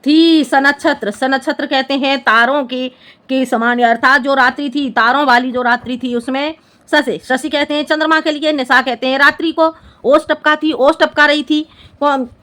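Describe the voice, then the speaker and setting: A young woman teaching Hindi in a high, bright voice. She goes through a poem in a patient classroom style, explaining every line. She keeps checking with her students that they have followed. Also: steady tone, moderate pace.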